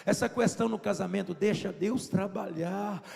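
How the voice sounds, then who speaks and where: A Brazilian man preaching a Pentecostal sermon, telling a story and acting out the dialogue, sometimes building to shouts. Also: sits high, moderate pace, creaky, in a large hall. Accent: Brazilian Portuguese. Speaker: pastor.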